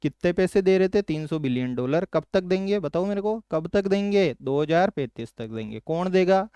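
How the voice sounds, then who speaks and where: Male teacher quizzing students, crisp voice. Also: animated, no echo. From Rajasthan, India. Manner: quizzes students with quick questions, then answers in a low, softer voice. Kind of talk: exam-prep current affairs lesson.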